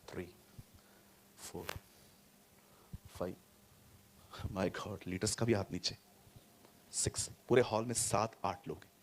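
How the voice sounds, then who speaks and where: A male pastor preaching a sermon to a congregation in a church hall. He is animated, swings between loud and soft, and mixes English words into his speech. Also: low-pitched, slow, pauses often, a little hiss or hum.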